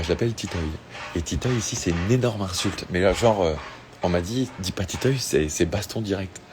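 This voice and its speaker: Man, very low voice, chatty, laid-back, phone mic, faint background hum. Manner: chatty, laid-back, with many fillers and restarts. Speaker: singer doing an Instagram live. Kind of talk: casual live-stream chat reading fan questions. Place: outdoors or open space in Tahiti.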